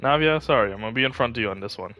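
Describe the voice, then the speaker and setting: A game livestreamer with a medium-pitched voice talks at a racing pace in lo-fi sound, with music playing behind him. He does casual live commentary, chatting and thinking aloud as he plays.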